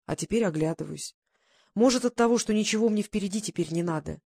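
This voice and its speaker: A reader voicing a weary, broken-hearted man back from prison, talking in a halting, low, self-pitying way in an audiobook. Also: gravelly, mellow, dry recording, studio quality.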